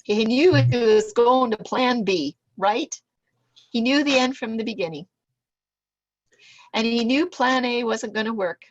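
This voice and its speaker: A woman teaching a Bible lesson to a small group, reading scripture aloud with lively emphasis. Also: a little high, unhurried, long pauses, dry recording, lo-fi sound.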